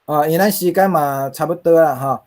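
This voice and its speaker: A man's voice: on the high side, brisk, darkish tone. Man lecturing with a Taiwanese accent. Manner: rhetorical questions, frequent fillers. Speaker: linguistics lecturer. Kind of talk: classroom lecture.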